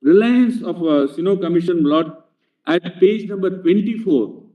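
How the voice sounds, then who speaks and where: A man's voice: high voice, lively intonation, unhurried. A man arguing a legal case before a court, formally addressing the bench with "my lord" at nearly every phrase. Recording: tinny, echoey courtroom feed from a distant mic.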